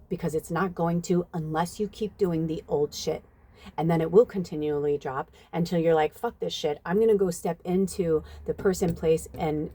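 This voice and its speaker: Chatty woman in her fifties, lowish voice. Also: warm tone, breathy edge. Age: 50s. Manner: chatty, swearing freely, reads passages aloud. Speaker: psychic medium. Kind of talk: casual spiritual reading.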